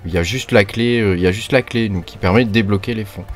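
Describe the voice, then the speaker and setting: A man's voice: on the low side, fast, faint music behind. A man hosting a casual screen-recorded tutorial, rambling and chatty with many fillers, recorded close on a desktop mic. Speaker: crypto tutorial host.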